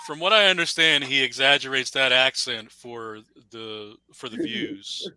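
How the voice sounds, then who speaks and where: Man, very bright, crisp tone, politely formal. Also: mid-range voice, very animated, measured pace, no echo, poor audio. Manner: polite, overly formal questions. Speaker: stream participant. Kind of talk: casual chat.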